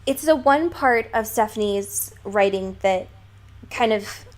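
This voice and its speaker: A woman co-hosts a podcast, talking through a book in a way that is both casual and analytical, with emphatic and mildly profane wording. Her medium-pitched voice is expressive and she takes her time.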